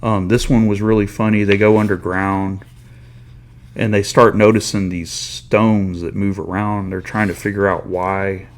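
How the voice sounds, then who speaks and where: Low-ish dude casually hosting a comics chat, rambly, lots of "like", swears a bit. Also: male voice, flat delivery, unhurried. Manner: rambling retelling full of "like" and paraphrased lines; swearing, laid-back slang. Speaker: comic book reviewer host.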